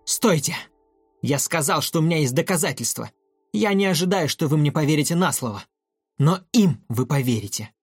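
A man's voice: fairly high pitch, brisk, husky, dry recording, studio quality, soft background music. A man playing a furious young boy. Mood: angry accusing. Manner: loud, indignant declaiming.

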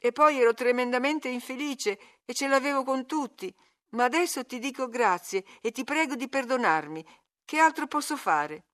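A woman's voice: high-pitched, expressive, moderate pace, a bit bright, voice pushed up. A woman reading aloud, voicing a petulant, teasing young woman who turns pleading with her cousin. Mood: tearful. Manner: needling, then tearfully pleading.

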